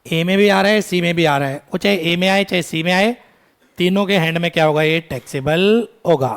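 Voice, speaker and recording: A man teaching a tax lecture in Hindi mixed with English, quizzing his students, calling them "beta" and scolding them briskly. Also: high-pitched, a bit bright, clean tone. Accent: Indian English. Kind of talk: classroom lecture.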